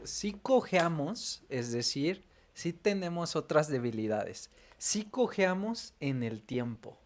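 Playful Mexican co-host with a lively, bouncing pitch, teasing with questions. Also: takes it slowly. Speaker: podcast co-host. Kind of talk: casual chat.

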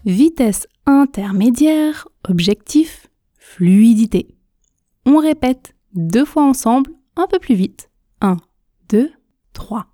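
A woman hosting a French lesson podcast, calmly guiding listeners through pronunciation drills and repeating phrases patiently. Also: on the high side, slow, dry recording, clean studio sound, faint music behind. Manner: calm, patient, counts learners in and repeats phrases. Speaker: French teacher, podcast host. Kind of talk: pronunciation lesson, slow and articulated.

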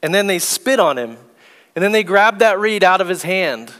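A male pastor preaching a sermon slowly and deliberately, reading scripture aloud. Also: sits high, animated, a bit bright, long reverb tail. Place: church sanctuary.

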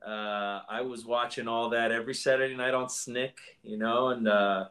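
A man's voice: medium pitch, steady tone, moderate pace, a bit bright. A man in his thirties from Central Florida, an actor talking as a guest in a casual, upbeat interview. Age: 30s. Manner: upbeat, chatty, laughs easily.

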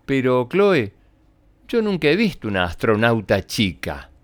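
A man's voice: mid-range voice, sing-song, measured pace, no echo. A man voicing a stubborn, matter-of-fact young schoolboy in a children's story. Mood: argumentative. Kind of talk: storybook character reading.

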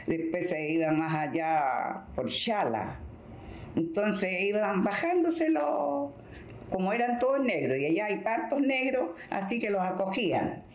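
A woman's voice: mid-range voice, expressive, measured pace. Older Peruvian-born woman, echoey room. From Peru. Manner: rambling, vivid storytelling. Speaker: interviewee. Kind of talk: oral history recollection.

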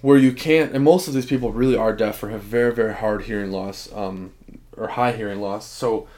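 Casual podcast co-host: young man, slightly low voice, easygoing and chatty. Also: a little fast. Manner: relaxed, rambling, laughs often. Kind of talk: casual sports chat.

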